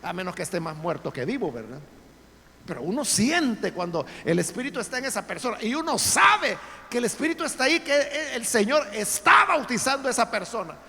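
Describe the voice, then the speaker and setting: Emphatic high-pitched preacher, gravelly. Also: male voice, sing-song, a little fast, pushed and bright. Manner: emphatic preaching with rhetorical questions, addressing listeners directly. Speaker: pastor. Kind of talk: sermon. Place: church sanctuary. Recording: long church reverb, faint background ambience.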